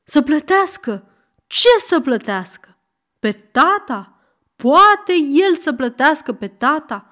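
Woman putting on a wailing old merchant man. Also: lively intonation. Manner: wailing, shrill, loud.

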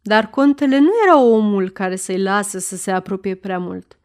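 A woman reading a historical novel aloud in a measured, steady narrating voice. Her pitch sits at an ordinary middle level, and she lets the sentences unfold at an unhurried pace.

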